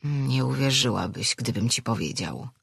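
A calm, secretive man in a fantasy audiobook, as the narrator voices him. He speaks low, quiet and measured. The voice is husky and sounds close and dry. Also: no echo, heavily acted. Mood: guarded. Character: man hiding his true self, calm and guarded. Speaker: character in an audiobook. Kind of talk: audiobook character reading.

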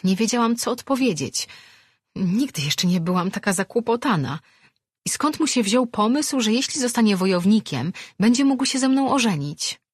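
A woman's voice: a little high, lively intonation, moderate pace, slightly rough, dry recording, clean studio sound, pitched above the performer's own voice. A woman reading an audiobook, voicing a young princess who is eager and easily flustered.

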